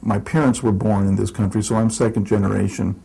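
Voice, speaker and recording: Gravelly, husky and mellow, this man's low, level voice moves a little fast. He is in his sixties, from the United States and raised in Southern California, telling his life story in an oral history interview that rambles with hesitations, fillers and restarts and wry, self-mocking humor.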